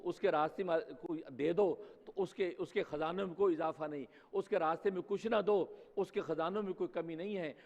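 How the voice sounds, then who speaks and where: A man's voice: a little high, darkish tone. Emphatic preacher man, echoing hall. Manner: emphatic, rhetorical questions, rising for stress. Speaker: preacher, mufti. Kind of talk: Friday sermon. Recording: dull sound with long hall reverb.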